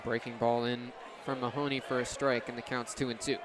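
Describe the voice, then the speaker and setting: Doing radio play-by-play at a ballpark, a twenty-something man describes the action in short, clipped bursts over the crowd noise. He speaks a little fast at a medium pitch with little pitch movement.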